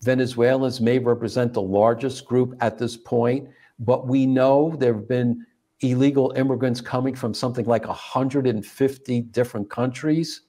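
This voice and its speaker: A man's voice: medium pitch, steady tone, moderate pace, mellow. A man co-hosting a political commentary show, arguing his case point by point with rhetorical questions.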